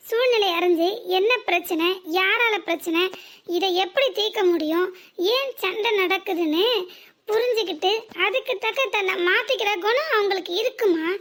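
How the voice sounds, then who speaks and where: A woman voicing a calm young married daughter in a cartoon serial, who lectures patiently with long strings of rhetorical questions. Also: very high-pitched. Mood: reasoning.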